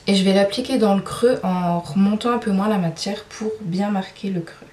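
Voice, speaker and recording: A woman's voice: mid-range voice, normal speed, a little mellow, slight background noise. A young woman chatting through a makeup tutorial, hesitant and full of fillers. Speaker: beauty vlogger. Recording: roomy sound, mic at a distance.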